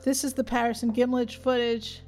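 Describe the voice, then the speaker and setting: A woman's voice: on the high side, level tone, normal speed, a little mellow, faint music behind. A woman co-hosting a podcast in a casual, chatty style. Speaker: podcast co-host. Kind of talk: casual chat, partly reading out facts.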